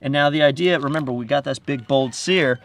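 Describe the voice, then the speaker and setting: A man chef giving an energetic, upbeat cooking demonstration, talking straight to his viewers. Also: fairly high pitch, brisk.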